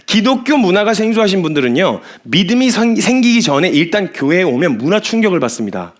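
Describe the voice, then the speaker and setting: A man preaching a sermon as a missionary, animated, laughing often and acting out the people he describes. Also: sits high, fast.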